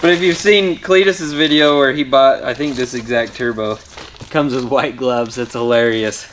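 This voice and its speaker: A man's voice: medium pitch, fairly even intonation, normal speed, fairly bright tone, a little hiss or hum. A man talking casually to camera in his garage workshop, rambling and chatty with a self-deprecating streak as he works on engines. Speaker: car mechanic vlogger. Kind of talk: casual shop vlog.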